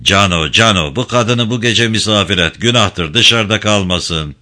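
A man voicing a gruff, cynical river ferryman in his forties who talks bluntly in a storybook reading. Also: lowish voice, unhurried, pushed and bright. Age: 40s.

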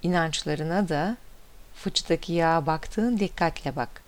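A woman reading aloud and voicing a king who gives moral instruction in a measured way. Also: low voice. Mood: instructing. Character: king giving moral advice, man.

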